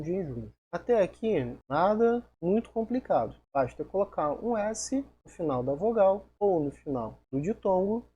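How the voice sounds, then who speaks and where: Woman, grammar teacher, husky, repeats examples, slow. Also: on the low side, warm tone, highs cut off. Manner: patient, repeats examples slowly, spells out endings. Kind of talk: video grammar lesson.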